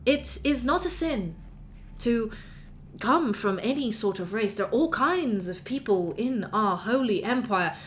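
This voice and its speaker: A woman voicing a calm, formal female archbishop with a French accent. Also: a little high, a little hiss or hum. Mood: soothing. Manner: soothing, formal, measured.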